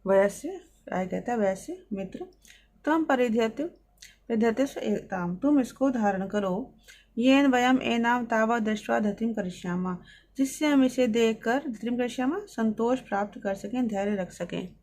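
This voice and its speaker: A woman teacher reading Sanskrit lines and explaining each one, in a steady line-by-line lesson. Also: on the high side, moderate pace.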